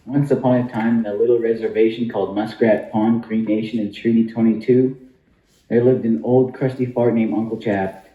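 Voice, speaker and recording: A man's voice: lowish voice, flat delivery, moderate pace. A man narrating a comic story for an amateur puppet show. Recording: muffled, echoey room.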